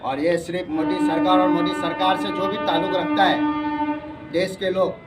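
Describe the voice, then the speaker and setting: A man's voice: high voice, little pitch movement, normal speed, over loud music. A man delivers an emphatic, repetitive political monologue to camera as a vlogger. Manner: emphatic, ranting, repeats himself. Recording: distant mic, faint background noise.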